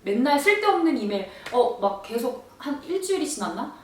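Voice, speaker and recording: A young woman vlogger telling a story in an animated, exasperated way, acting out quoted lines. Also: sits high, fairly quick, a little hiss or hum. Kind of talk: storytelling vlog. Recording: echoey room, voice from far off.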